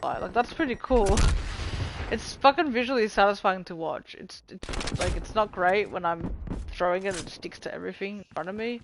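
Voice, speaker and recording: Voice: medium pitch, moderate pace, background noise. Tired, mumbling game streamer. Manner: mumbling, rambling, casual swearing. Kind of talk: casual live-stream chat while gaming. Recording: gunfire from the game behind the voice.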